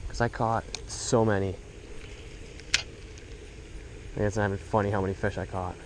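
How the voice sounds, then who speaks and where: A young man filming himself bass fishing at a pond, chatting to viewers in slangy, excited bursts. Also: moderate pace, background noise. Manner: excited, slangy, talks to viewers as bro and dude. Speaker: fishing vlogger. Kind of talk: casual commentary while fishing. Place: outdoors by a suburban pond. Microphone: head-mounted action camera.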